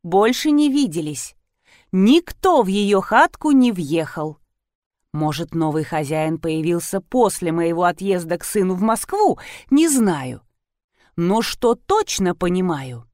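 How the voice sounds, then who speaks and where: A woman's voice: fairly low pitch, sing-song, unhurried, a little mellow, dry recording, clean studio sound. A woman voicing an older woman confidently recounting a neighbor's story in an audiobook.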